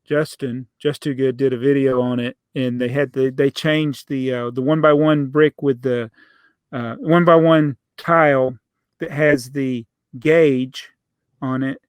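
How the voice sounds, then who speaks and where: A man's voice: medium pitch, steady tone, measured pace, clear, resonant tone, no room sound. A middle-aged man hosting a podcast, telling rambling stories in a casual chat and laughing often. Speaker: podcast host.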